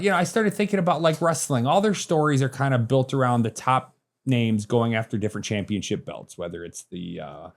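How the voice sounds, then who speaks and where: A man's voice: mid-range voice, a little mellow. A man co-hosting a casual wrestling podcast, joking with catchphrases and thinking aloud about storylines. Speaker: podcast co-host.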